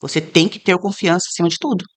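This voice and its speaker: A woman from Brazil, a guest in a casual interview, telling her story in an earnest, heartfelt way and turning lively when she quotes other people. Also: lowish voice, fast talker. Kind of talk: casual interview, faith testimony.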